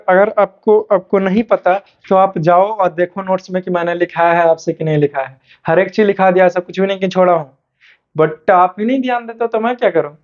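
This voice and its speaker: A male teacher giving an online class lesson, switching between Hindi and English and reading questions out slowly word by word. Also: sits high. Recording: dull lo-fi sound.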